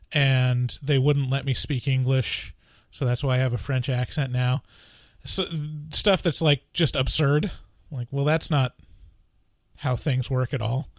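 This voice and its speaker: A medium-pitched man chats loosely about movies in a dry, studio-quality recording. His review is casual and full of "like" and "you know," with the odd laugh between points.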